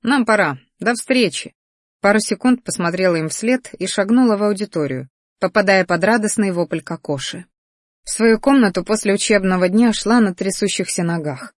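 A woman narrating a first-person fantasy audiobook in a calm, even storytelling manner. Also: mid-range voice, moderate pace, no room sound, studio quality.

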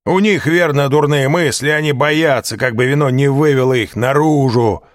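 A man doing a loud drunken tavern boaster. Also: medium pitch, moderate pace, no echo, studio quality, pitched above the performer's own voice, lightly acted. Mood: indignant boasting. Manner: boisterous, slurring, mocking.

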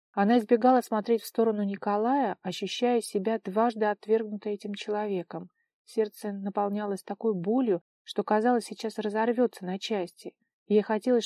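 A woman's voice: mid-range voice, no room sound. Woman narrating an audiobook. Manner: expressive, dramatic storytelling. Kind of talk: audiobook reading.

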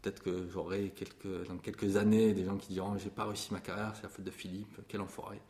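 Talking fast in a deep, darkish voice with flat delivery, a forty-something music publisher discusses his trade enthusiastically during an interview conversation, full of fillers and restarts.

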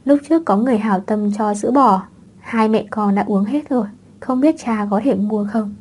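A woman reads a web novel aloud in a calm, steady storytelling manner. Her voice is mellow and dark, with a scripted audiobook delivery. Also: medium pitch, normal speed, husky. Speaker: audiobook narrator.

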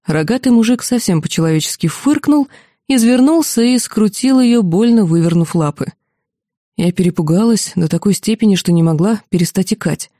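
A woman narrating an audiobook in a lively, expressive first-person reading. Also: mid-range voice, moderate pace, no echo, studio quality. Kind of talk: scripted narration.

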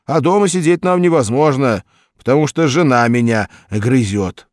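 A man's voice: medium pitch, animated, moderate pace, no room sound, studio quality, pitched above the performer's own voice, natural voice. A man doing a whiny, meek railway worker. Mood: whiny plaintive.

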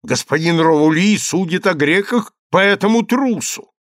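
A steady second at a duel lays down the rules in a measured, commanding voice , voiced by a man, pitched above the narration. The recording is dry and close. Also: no room sound. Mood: stern. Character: calm, firm male second at a duel.

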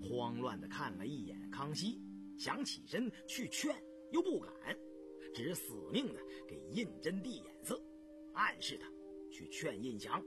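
A man's voice: mid-range voice, huge pitch swings, unhurried, music in the background. A man reading a novel aloud with dramatic expression and acted dialogue. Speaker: storyteller.

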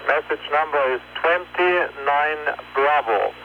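A male ground controller dictating message corrections step by step in a halting, procedural way over a space mission radio link. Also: on the high side. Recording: tinny narrowband space radio, hum, noise.

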